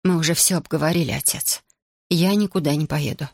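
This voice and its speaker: A reader voicing a young mother who speaks calmly, evenly and firmly in a dry, gravelly voice. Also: mid-range voice, no room sound. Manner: calm, measured, firm. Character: calm, resolute young mother.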